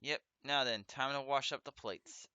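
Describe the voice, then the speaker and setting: A let's play host with a bright, forceful, smooth voice chats through a game at medium pitch and moderate pace, reading its text aloud. He has a slight lisp and a speech impediment affecting his S and R sounds, and he stumbles over foreign words, then corrects himself. The recording is dry and close, with no room sound and the highs cut off.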